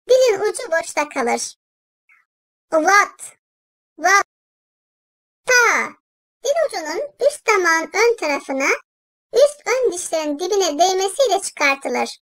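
A very high, lively voice that moves slowly and patiently through each letter, as in a children's cartoon lesson. It explains every sound step by step and calls the listeners friends. The recording is close and dry. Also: no room sound. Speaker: Quran letters teacher. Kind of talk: slow children's lesson narration.

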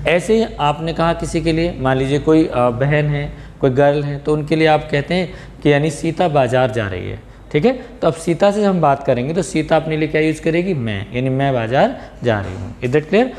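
A man teaching English grammar, mixing English terms into Hindi, asking questions and answering them himself, often checking whether students are clear. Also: a little high, darkish tone. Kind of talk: classroom lesson.

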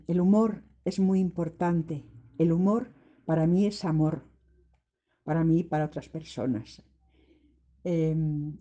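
A woman teaching a body-expression class, guiding her students step by step through an acted scene in a deliberate, instructive way. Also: sits low, mellow, lo-fi sound. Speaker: drama teacher.

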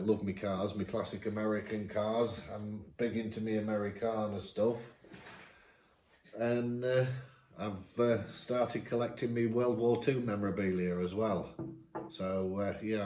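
In an echoey dining room, a chatty Lincolnshire YouTuber sits at the table reading out viewer questions and answering with self-deprecating laughs in a relaxed Q&A. He speaks a little slowly in a warm, fairly low voice with little pitch movement. A camera across the table captures him.

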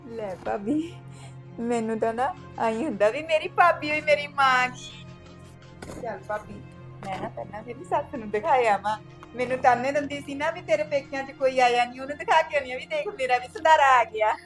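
A woman's voice: sits high, normal speed, a bit bright, soft background music. An actress playing a young married woman who tearfully pleads with her brother and sister-in-law. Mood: insistent. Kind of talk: village drama acting.

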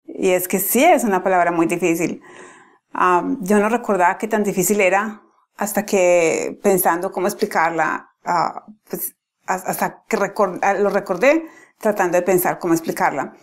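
A woman's voice: fairly low pitch, normal speed. A young woman giving a casual pronunciation lesson, explaining patiently step by step with frequent restarts. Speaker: pronunciation teacher.

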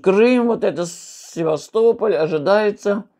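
A woman's voice: medium pitch, unhurried, dark tone. A woman vlogging while she eats, chewing as she talks and rambling casually to her viewers. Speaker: mukbang vlogger. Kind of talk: casual chat to camera while eating.

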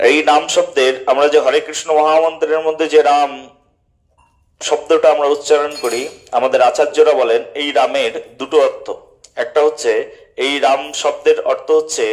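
A male preacher giving a devotional sermon, often putting questions to his listeners and answering them himself, with key words drawn out slowly. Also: medium pitch.

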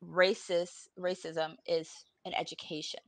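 Unhurried, with a lowish voice and little pitch movement and no room sound, this forties-aged woman from Puerto Rico appears as a podcast guest on a home video call. She talks bluntly, informally and saltily in a candid personal panel, sounding tired and emotionally drained.

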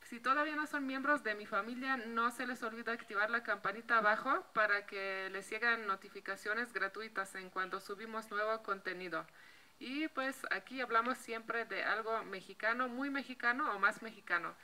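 This native Slovene speaker, a vlogger in her thirties with a Slovenian accent, talks casually to camera outdoors, handheld mic in hand, by a block wall on a patio. Her voice runs on the high side, pushed and bright, at a moderate pace, and she laughs lightly and restarts words. There's slight background noise.

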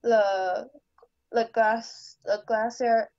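Hesitant teen girl, slow muffled video call. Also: fairly high pitch, steady tone, a little mellow, no echo. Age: teens. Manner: hesitant, searching for words, many "like"s. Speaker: high school student. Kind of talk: class discussion in English. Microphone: computer mic on a video call.

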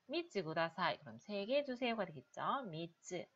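A woman's voice: medium pitch, big pitch swings, moderate pace, fairly bright tone. A woman teaching a language lesson, patiently drilling syllables one by one with repeated examples. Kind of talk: slow, repetitive pronunciation drill. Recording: dull, lo-fi audio.

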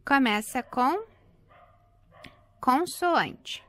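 A woman's voice: sits high, lively intonation, extremely slow, a bit bright. A woman, explaining an English grammar lesson and repeating example words patiently for her students. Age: 30s. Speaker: English teacher.

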